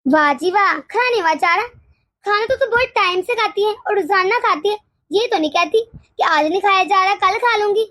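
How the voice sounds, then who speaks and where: Shrill nagging mother-in-law. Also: normal speed, no echo, clean studio sound. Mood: scolding. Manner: nagging, scolding, sharp-tongued. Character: harsh scolding older mother-in-law. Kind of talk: animated storybook voice acting.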